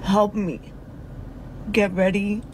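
A tearful woman in her forties talks slowly and haltingly, pausing between phrases as she cries. Her phone recording is made inside a car, with clear road and engine noise underneath. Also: medium pitch, level tone, a little mellow, rough recording. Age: 40s. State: crying. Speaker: social media poster. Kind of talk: tearful confessional selfie video.

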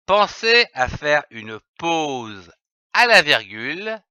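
A man teaching young children to read with phonics, spelling words letter by letter in a very deliberate way. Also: a little high, big pitch swings, sharp tone, clear, resonant tone, dry recording. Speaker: reading teacher. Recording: dry, dull lo-fi recording.

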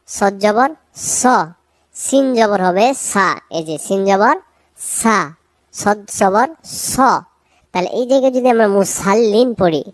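A woman teaching recitation, chanting verses slowly and drawing out each sound, then explaining the pronunciation quickly. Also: mid-range voice, a little mellow, no room sound. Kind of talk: slow recitation lesson with spoken corrections.

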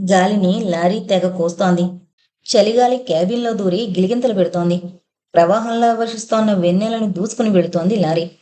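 A woman narrating an audio novel in an even storytelling manner. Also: fairly low pitch.

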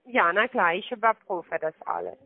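A woman working at a call centre speaks non-native German with a foreign accent on a phone call, hesitantly checking and repeating details. Her mid-range voice moves at a moderate pace with no room sound, carried over a dull, band-limited phone line.

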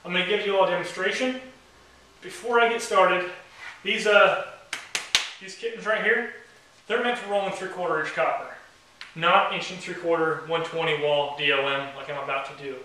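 In a very echoey garage workshop, a young company owner shows off a product to camera, his humor dry and wry. A camera mic across the room catches his high-pitched voice, steady at normal speed, distant and with background noise.

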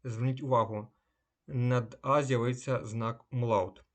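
A man reads through a vocabulary lesson in a measured, even delivery. His voice sits at a middling pitch. He slows down on each German word so it comes out clearly. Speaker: language teacher.

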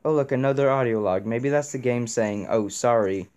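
A man's voice: medium pitch, normal speed, a little mellow, clear, resonant tone. A young man playing a horror game, reacting nervously and swearing as he talks through it. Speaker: gamer.

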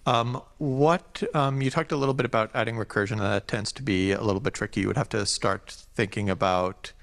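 A man's voice: on the low side, fairly quick, creaky. An audience member, a man, asking a speaker tentative questions with many ums in a lecture hall. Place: lecture auditorium.

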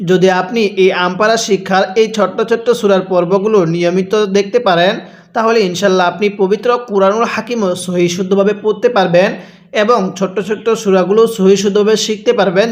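A man with a Bangladeshi Bengali accent teaching Quran reading, spelling out letters and vowels one by one and drawing out the recitation slowly and patiently. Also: sits high.

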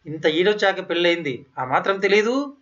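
Shrill scolding mother-in-law, voiced by a man. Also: lively intonation. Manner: loud, scolding, rapid rebukes. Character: harsh scolding older woman, a domineering mother-in-law. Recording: slightly dull, lo-fi audio.

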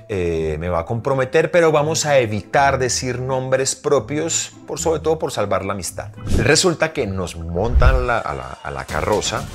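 Lively man spinning a story. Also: fairly low pitch. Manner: animated storyteller who acts out voices. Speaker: actor telling a story. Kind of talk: casual storytelling vlog.

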